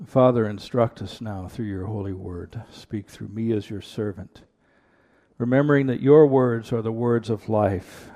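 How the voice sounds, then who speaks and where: A pastor preaching an earnest sermon into a pulpit microphone in a church, repeating rhetorical questions for emphasis. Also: male voice, lowish voice, measured pace, mellow. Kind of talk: sermon with prayer and scripture reading.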